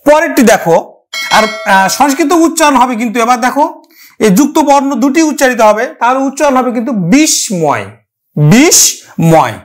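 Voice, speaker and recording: A woman teacher giving a pronunciation lesson, explaining step by step, repeating each word slowly and speaking straight to her students. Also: sits high, animated. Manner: addresses the class directly.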